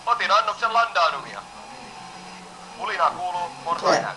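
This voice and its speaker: A woman's voice: lowish voice, lively intonation, bright, forceful tone, a little hiss or hum, rough recording. A young woman playing a horror game while chatting casually, swearing constantly and yelping when startled. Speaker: game player. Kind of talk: casual let's-play commentary.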